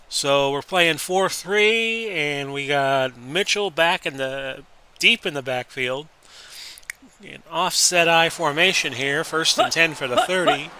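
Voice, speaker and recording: Bright-voiced man calling plays. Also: a little high, smooth. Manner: announcer-style calls that rise into excited outbursts. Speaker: streamer and host. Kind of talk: play-by-play commentary over a sports simulation game.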